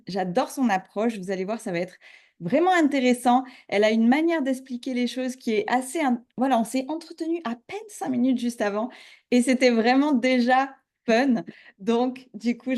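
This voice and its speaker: A woman's voice: a little high, darkish tone. A woman hosting a podcast interview, enthusiastic and chatty, asking rambling questions. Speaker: podcast host.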